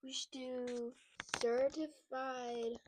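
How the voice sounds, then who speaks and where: A book content creator, a little sick, chats casually to her viewers in a high, steady voice at a very slow pace. She rambles with many fillers and restarts, and there is background noise.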